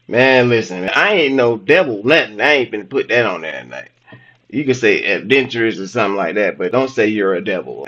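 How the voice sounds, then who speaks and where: Joking man riffing in loud slang. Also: medium pitch, muffled recording. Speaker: reaction streamer. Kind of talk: casual reaction commentary.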